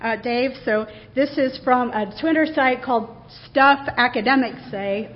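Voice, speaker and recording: Woman with a bright higher voice giving an emphatic talk. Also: takes it slowly, muffled recording. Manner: earnest, emphatic, stresses key words. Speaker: university administrator giving a faculty talk. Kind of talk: conversational presentation.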